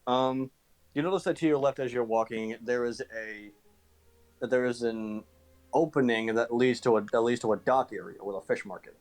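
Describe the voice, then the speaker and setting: A man's voice: mid-range voice, normal speed. A man narrating a tabletop game as game master over an online call, hesitant and restarting his sentences often.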